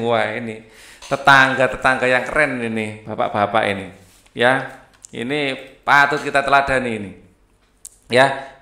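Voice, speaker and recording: A man's voice: mid-range voice, sharp tone. A man teaching a primary school lesson, reading the textbook aloud with chatty asides. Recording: echoey room.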